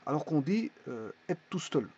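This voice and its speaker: A man teaching a language lesson in a casual, halting way, pausing often to think. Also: a little high, very animated, warm tone, husky. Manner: halting, many fillers and restarts. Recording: dull lo-fi recording.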